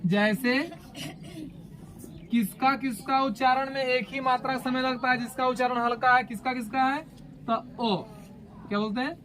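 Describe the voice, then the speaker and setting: A woman teaching a grammar lesson, dictating slowly and repeating each phrase, often asking the class to say key terms back to her. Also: high-pitched, fairly even intonation, fairly bright tone, a little hiss or hum. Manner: slow, repetitive, asks the class to echo key words back.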